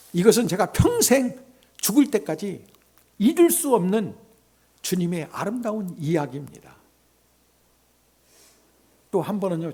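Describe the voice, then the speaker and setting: A male missionary preaches in a church, telling a story with a high, husky voice. His pitch leaps around with great animation. He swings between loud exclamations and soft, hushed asides. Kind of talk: sermon with personal storytelling. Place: church sanctuary.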